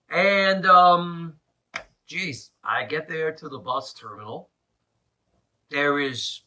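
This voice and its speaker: Bright, emphatic man recorded in an attic. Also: medium pitch. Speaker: religious presenter and storyteller. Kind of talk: personal storytelling to camera. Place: attic of his house. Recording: slightly distant mic in an attic.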